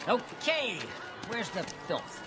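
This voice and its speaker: A man's voice: high-pitched, sing-song, slow, over music, heavily acted. A man playing a greedy, self-serving barn rat in a film, with a wisecracking, grumbling manner. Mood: impatient, greedy. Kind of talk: film character acting.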